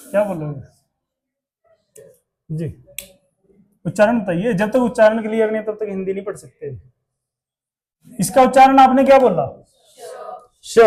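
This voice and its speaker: A man's voice: sits high, a little mellow. A male Hindi teacher, giving a classroom lesson and drilling pronunciation by asking the class questions.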